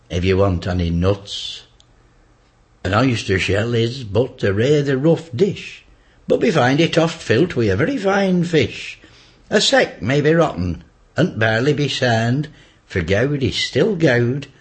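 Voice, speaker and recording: A man recites a dialect poem at an unhurried, deliberate pace. His delivery is measured, and his voice sinks lower on each return of the refrain. His pitch sits in a middle range. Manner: slow, measured reciting, dropping low on the refrain.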